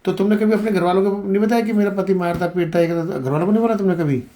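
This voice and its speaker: A man's voice: high-pitched, racing. A man questioning a couple, repeating each answer back and pressing them to speak up. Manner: probing, repeats answers back, urges louder speech; calls people beta. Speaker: interviewer. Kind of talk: on-the-spot questioning interview.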